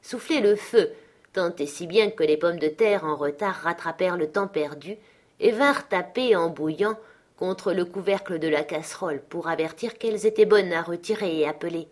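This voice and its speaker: A woman's voice: lowish voice, normal speed. Woman reading a classic tale aloud. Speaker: audiobook reader. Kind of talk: storybook narration.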